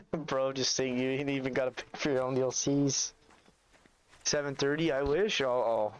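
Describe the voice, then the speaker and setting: While playing a hunting game, a man in his twenties talks with his livestream chat, reading messages and replying in a laid-back, chatty way. He speaks at a moderate pace in a mid-range voice, with a little noise in the background.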